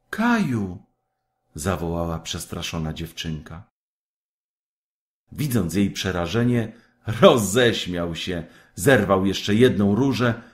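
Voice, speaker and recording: Male storyteller reading a fairy tale, low voice, unhurried and very melodic. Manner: expressive, measured storytelling.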